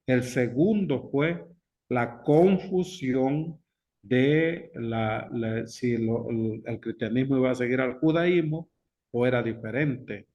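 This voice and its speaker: A pastor teaching a Bible class, speaking slowly and emphatically and repeating key words. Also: male voice, medium pitch, darkish tone. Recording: dull lo-fi recording.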